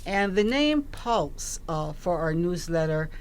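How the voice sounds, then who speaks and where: Older woman, hospital exec on the radio, calm measured talk, faint noise behind. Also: on the low side. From Barbados. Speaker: hospital chief operations officer. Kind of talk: radio interview guest.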